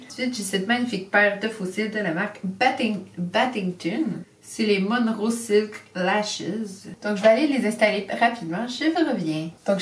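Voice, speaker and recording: A woman's voice: medium pitch, recorded from a distance. A young woman with a Québécois French accent chatting casually as she unboxes beauty products and does her makeup, tossing in English beauty words. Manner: chatty, upbeat, drops English beauty terms. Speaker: beauty vlogger. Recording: echoey room, voice a bit off-mic.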